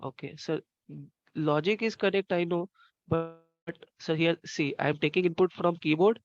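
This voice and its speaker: A man student politely walking his teacher through a program on a video call, with halting explanations. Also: on the high side, faint music behind. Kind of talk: explaining code in online class. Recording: dull video call audio.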